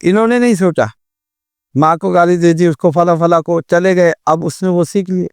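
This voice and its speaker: A man's voice: high-pitched, clear, resonant tone, dry recording, clean studio sound. A man as a religious scholar guest, patiently explaining good manners with everyday examples. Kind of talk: advice talk in a studio discussion.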